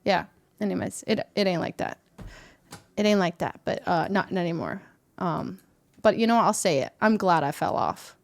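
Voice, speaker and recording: A young woman chatting casually as a streamer guest, telling animated stories that swing from loud excitement to low mutters, often laughing as she talks. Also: normal speed, gravelly. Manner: laughs often while talking. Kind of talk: casual chat.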